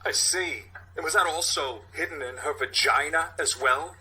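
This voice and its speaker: A man playing a volatile police captain in a Christopher Walken impression, with a halting, theatrical delivery that shifts between pleasant and menacing in a comic cop story. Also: on the high side, a little hiss or hum, pitched above the performer's own voice, rough recording. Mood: pleasant, sardonic. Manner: halting theatrical monologue swinging between hushed and shouting.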